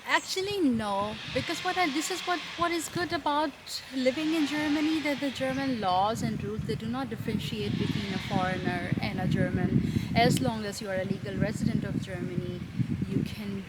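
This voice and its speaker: A woman's voice: on the high side, fairly quick. A young adult woman from Pakistan, chatting as an interview guest in a friendly way, restarting her sentences often. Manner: friendly, with frequent restarts and fillers. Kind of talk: casual interview. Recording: noisy background.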